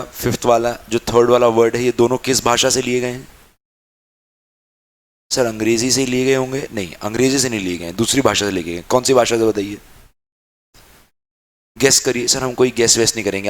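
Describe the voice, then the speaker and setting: A young man teaching a class, calling students child and dear, and acting out their questions back and forth. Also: mid-range voice. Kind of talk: classroom lecture.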